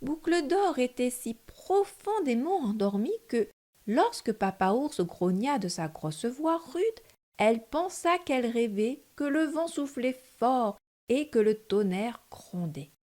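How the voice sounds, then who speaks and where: Slow-reading woman storyteller. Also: fairly high pitch, big pitch swings, darkish tone. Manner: slow, deliberate, clear reading. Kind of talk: bilingual storybook reading for children.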